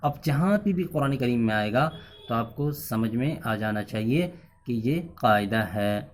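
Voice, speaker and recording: A man's voice: mid-range voice, expressive, a little hiss or hum. A man from Bihar, India, teaching Quran reading, who patiently explains each rule step by step and has learners repeat after him. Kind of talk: teaching lesson.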